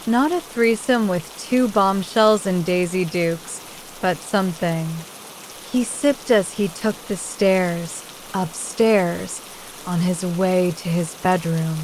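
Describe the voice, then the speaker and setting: A woman narrating a horror audiobook in a slow, measured way. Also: on the low side, a little mellow, a little hiss or hum, low-quality recording. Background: rain.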